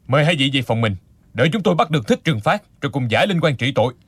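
A woman's voice: a bass voice, big pitch swings, very fast, slightly rough, no room sound, pitched below the performer's own voice, heavily acted. A woman voicing a harsh young male martial disciple who speaks coldly and with contempt. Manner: cold and contemptuous.

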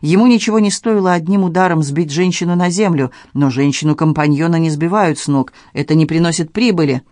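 A man reads a novel aloud in a measured, even storytelling voice that sits slightly high for a man. The recording is close and bone-dry, with no room sound. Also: no echo. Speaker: audiobook narrator. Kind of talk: scripted narration.

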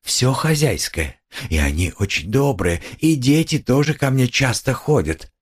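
A man's voice: medium pitch, sing-song, a little slow, husky, voice pushed up. A man voicing a timid, pious poor young woman who pleads in a trembling, tearful way. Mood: shy. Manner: trembling, tearful, eager to defend.

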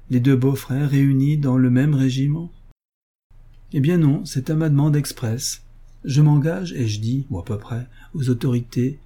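A man reading an audiobook, voicing an excited, talkative young man of seventeen. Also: mid-range voice, natural voice.

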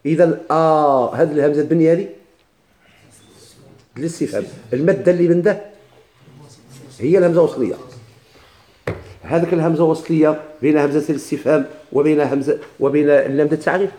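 A man with a Moroccan Arabic accent teaching a recitation class. He asks the class questions, answers them himself, and repeats words slowly with many restarts. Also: on the high side, fairly even intonation, dark tone. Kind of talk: classroom lesson explaining a text.

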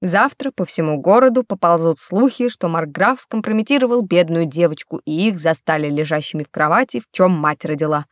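A woman's voice: lowish voice, fairly quick, hardly any pauses, no echo, studio quality, close to an everyday voice. A woman voicing a confident, teasing male nobleman who speaks tenderly and playfully in an audiobook.

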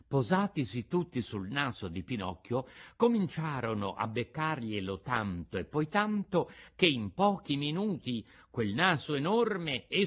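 A man's voice: medium pitch, a bit bright. A man narrating a storybook reading in a playful, theatrical manner.

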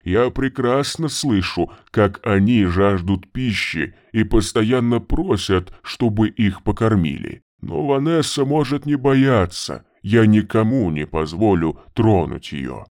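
A man voicing a monstrous male shapeshifter who talks slowly with a gurgling sound and refers to himself in the third person. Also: fairly low pitch, expressive, a little mellow, dry recording, clean studio sound. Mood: devoted. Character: monstrous male shapeshifter, simple-minded, devoted and menacing. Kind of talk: audiobook character voice.

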